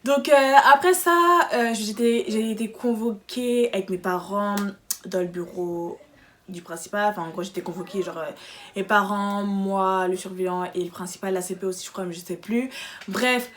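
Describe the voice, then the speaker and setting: A young woman telling a storytime vlog in an animated, slangy, quick way. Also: medium pitch. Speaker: vlogger.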